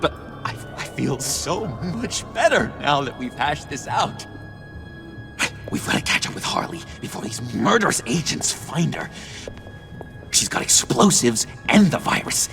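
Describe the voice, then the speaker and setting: Creaky, wildly swinging John Doe, needy misfit. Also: male voice, fairly high pitch, music in the background, exaggerated voice. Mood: relieved, giddy. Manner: pleading, halting, swinging from hushed to excitable. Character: eager, unstable, needy young misfit man, anxiously devoted. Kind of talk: video game acting.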